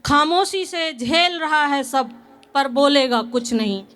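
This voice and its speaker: Slow, earnest woman reading her poem. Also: high voice, expressive, fairly bright tone. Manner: measured, earnest reading with repeated lines. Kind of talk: poetry recitation.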